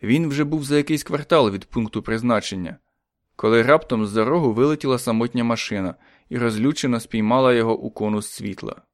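A man narrating a story in a calm, measured audiobook reading. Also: medium pitch, no room sound, clean studio sound.

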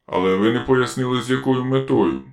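A man's voice: mid-range voice, a little fast, creaky, darkish tone, close to an everyday voice. A man voicing a driverless police car that interrogates in a cold, metallic, mechanical voice, curt and commanding, in an audiobook story. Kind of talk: audiobook reading.

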